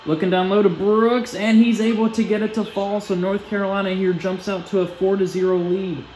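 A man's voice: high voice, flat delivery, a little fast, a little mellow, roomy sound, rough recording. A young man giving casual play-by-play commentary over a basketball video game simulation in short clipped phrases.

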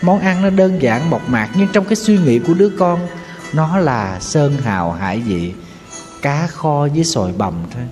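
Man, Southern Vietnamese accent, monk preaching, raised pitch, soft dark tone, long reverb, faint music behind. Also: lively intonation, normal speed. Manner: sorrowful storytelling, chanting folk verses. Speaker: Buddhist monk. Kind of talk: storytelling sermon.

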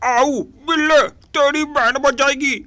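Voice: sits high, fairly even intonation, unhurried, sharp tone, no echo. A performer voicing a rowdy, bragging cartoon dog who yelps before his lines. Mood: boastful.

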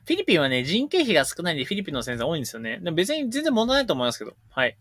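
Male stream host, fast-talking, blunt and jokey, bouncy pitch, dry close mic. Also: no echo. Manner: rapid-fire, animated, blunt and joking. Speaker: livestream host answering viewer questions. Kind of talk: casual livestream Q&A, reading and answering chat questions.

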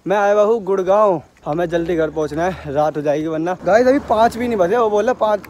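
Young guy vlogging on a hill, fast jokey talk, winded, noisy outdoor phone audio. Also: sits high, dull audio. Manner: fast, excitable, joking banter. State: out of breath while climbing. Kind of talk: casual outdoor vlog.

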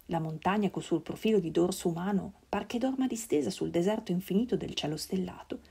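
A woman reading a literary novel aloud in a measured, solemn way. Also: on the low side, gravelly, darkish tone, husky. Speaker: reader.

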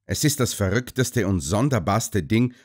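A man voicing an angry, indignant young gentleman who shouts in a broad country dialect. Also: lowish voice, lively intonation, normal speed. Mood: exasperated.

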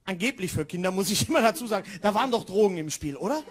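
A woman's voice: medium pitch, lively intonation, racing. A woman doing chatty stand-up comedy, talking straight to the audience.

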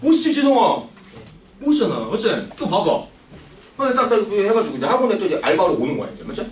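A man with a high voice, wildly swooping pitch, and a quick pace teaches math loosely and jokingly, using coarse slang and constantly asking if students agree. The teasing, casual lecture is recorded from far off in an echoey, noisy classroom.

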